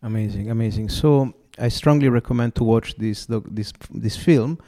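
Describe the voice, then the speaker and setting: A man's voice: medium pitch, normal speed, mellow. A man with an Italian accent hosting an interview, asking questions enthusiastically while stumbling over his words. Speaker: interviewer host.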